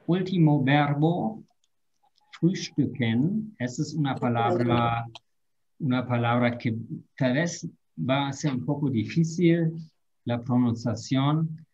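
A man teaching an online language lesson, drilling verb forms slowly and carefully. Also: mid-range voice, a little mellow, lo-fi sound. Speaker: German teacher.

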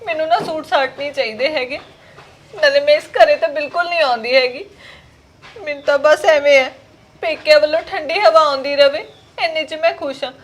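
An actress playing a gentle married daughter visiting her parents, soft-spoken and pleading with her brother and sister-in-law. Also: high voice, brisk, lightly acted. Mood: tearful.

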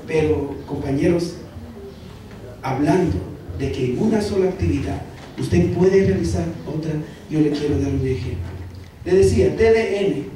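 A man with a Guatemalan accent giving an animated workshop lecture to teachers, calling them colleagues. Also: fairly high pitch, normal speed. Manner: animated, addresses the audience as colleagues. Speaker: teacher trainer. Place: large hall. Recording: echoey hall from far off, noisy.

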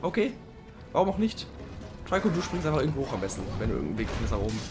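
A young man doing casual let's play commentary, chatting to the game creature and sometimes swearing loudly. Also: medium pitch, very animated, rapid-fire, music in the background.

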